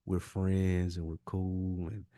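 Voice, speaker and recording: A deep, dark, monotone voice belongs to an American man co-hosting a podcast, who speaks slowly in a dry, clean studio recording. Though his delivery is flat, the candid heart-to-heart is earnest and emphatic, and he repeats himself to make his point.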